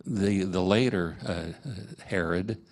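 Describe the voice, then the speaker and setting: A man leading a parish Bible study, explaining scripture in a halting way with many fillers and restarts. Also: deep voice, darkish tone. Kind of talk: informal Bible study teaching. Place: parish meeting room.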